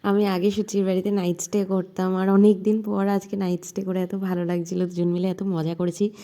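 A woman's voice: medium pitch, little pitch movement, fairly quick, dark tone. A young woman narrating her vlog in a chatty voice-over, mixing in English words. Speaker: vlogger narrating her friend's wedding.

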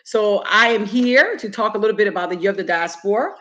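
A woman panelist, born in Liberia and raised in the US, speaking in a relaxed, casual way over a video call. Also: medium pitch, quick pace, muffled recording.

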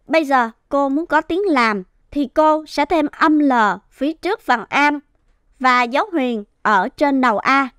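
A woman teaching first-grade reading, sounding out and stretching each syllable clearly for young children. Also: sits high, measured pace, a bit bright, dry recording, studio quality. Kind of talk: slow, clear phonics teaching.

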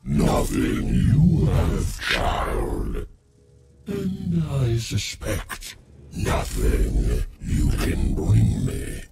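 An actor playing an ancient, menacing shadow creature that snatches children in a video game, speaking with theatrical, mocking politeness. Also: male voice, lowish voice, wildly swooping pitch, drawn-out words, gravelly, exaggerated voice. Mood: gloating menace. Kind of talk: video game character acting. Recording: loud background music.

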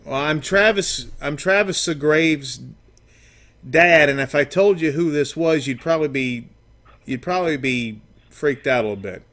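A man acting as a down-on-his-luck absent father on a prank call. His voice sits a little high for a man. He rambles and halts, stumbling over ums and uhs as he goes. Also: moderate pace, a bit bright, lightly acted. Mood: earnest, insistent. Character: estranged, down-on-his-luck father, washed-up rock musician. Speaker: prank caller.

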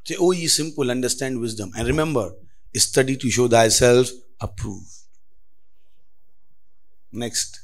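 A man's voice: medium pitch, measured pace, gravelly, long pauses. A man preaching a sermon in church, emphatic and repetitive, calling out to the congregation for responses. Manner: emphatic, repeats phrases, lively rises and drops. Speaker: pastor.

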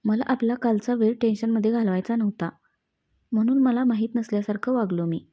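Calm young husband, read by a woman. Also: on the high side, brisk, lightly acted. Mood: calm, reassuring. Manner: steady, reassuring.

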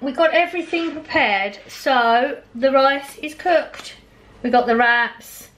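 A woman's voice: sits high, slow, fairly bright tone, soft background music. A woman chatting casually through a home cooking vlog, rambling and poking fun at herself. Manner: chatty, self-deprecating, rambling with fillers. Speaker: vlogger. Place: home kitchen, voice-over on cooking footage.

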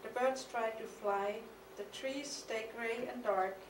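Reading from a podium on the stage of a mid-sized studio hall, a middle-aged German-accented woman with a slightly high voice delivers a prepared, partly poetic lecture at a conference, where she appears as an artist. Her manner is measured and reflective, with some hesitations. A podium mic on a stand is used, but the audio is echoey and noisy, taken from the camera's distance.

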